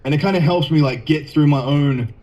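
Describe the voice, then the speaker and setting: A man's voice: fairly high pitch, a little fast, darkish tone. Easygoing New Zealand man. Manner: easygoing, loose and chatty, full of "you know" and "man". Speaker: podcast guest. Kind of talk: casual podcast chat.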